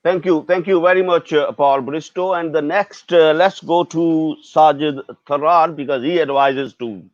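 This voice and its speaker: A man moderating a panel, introducing speakers and asking halting, hesitant questions. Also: fairly high pitch, steady tone, no echo. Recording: dull, dry lo-fi audio.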